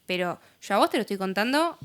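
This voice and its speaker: This young woman's voice is medium-pitched, clear, and resonant, and she talks fast. A podcast guest with an Argentine Spanish accent, she candidly shares her story in a casual, animated way, with plenty of fillers.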